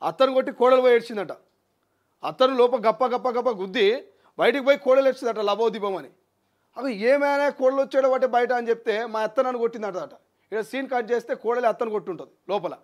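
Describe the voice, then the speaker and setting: A man's voice: very high-pitched, quick pace, dull audio. A man giving heated political commentary, full of indignant rhetorical questions and scolding repetition. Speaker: news commentator.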